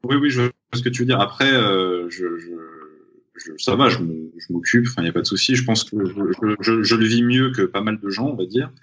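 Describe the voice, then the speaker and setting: A young man from Paris with a deep, husky voice talks hesitantly in a relaxed interview, circling back over his words and filling pauses. The sound is dull and lo-fi, like a remote call. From Paris, France. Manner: hesitant, many fillers and restarts. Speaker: guest, freediving champion. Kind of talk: casual interview talk.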